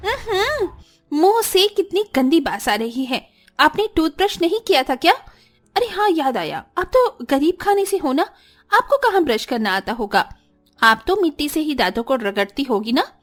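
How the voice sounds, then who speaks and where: Woman doing a bratty mean sister-in-law for a cartoon, high squeaky sneering voice. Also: very animated, moderate pace, faint music behind. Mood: bossy. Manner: sneering, taunting. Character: spiteful, arrogant young sister-in-law. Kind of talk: cartoon story voice acting.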